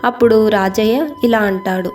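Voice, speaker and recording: A woman's voice: mid-range voice, fairly even intonation, moderate pace, a little mellow, faint music behind. Woman narrating a cartoon story.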